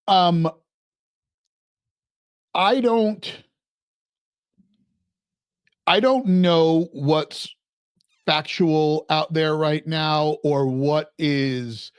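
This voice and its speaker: A man's voice: fairly high pitch, drawn-out words, long pauses, smooth, dry recording, clean studio sound. Chatty man hosting a podcast. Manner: rambling, reads out figures. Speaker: podcast host. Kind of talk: casual podcast chat.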